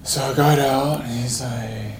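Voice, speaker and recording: A man's voice: medium pitch, fairly even intonation, unhurried, a little hiss or hum. A young man telling a story in casual chat, rambling and full of fillers. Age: young adult.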